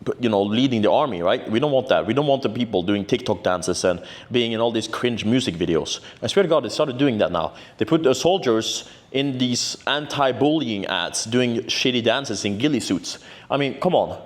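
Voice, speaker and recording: Speaking at a moderate pace with medium pitch and plenty of animation, this Norwegian man in his 20s vlogs a casual story straight to camera. Norwegian is his first language, and he comes across as cocky and foul-mouthed, frequently tacking on "right?"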